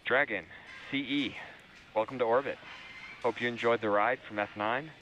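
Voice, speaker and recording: Man giving crisp space radio callouts. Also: mid-range voice, steady tone, moderate pace, pushed and bright. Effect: space radio comm loop. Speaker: launch controller on mission radio. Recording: muffled radio loop with faint hiss.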